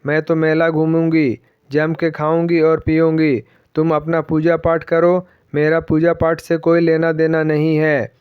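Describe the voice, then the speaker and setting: A man's voice: fairly high pitch, completely flat delivery, unhurried, clear, resonant tone, no echo, close to an everyday voice. A man reading the lines of a spoiled, scornful young daughter-in-law, irritable and sneering, in a slightly dull, dry recording.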